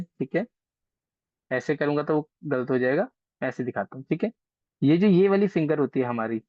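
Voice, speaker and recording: His voice leans high and a little mellow as he runs an online astrology class, keeping things loose and chatty and teasing and coaxing the students. It's heard through a video call, so the sound is dry, dull and lo-fi.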